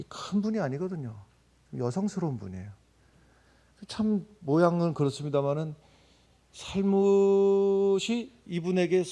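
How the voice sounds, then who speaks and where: A male pastor preaching a sermon, telling a story with loud exclamations and quiet asides. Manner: animated storytelling, swings between loud exclamations and low asides.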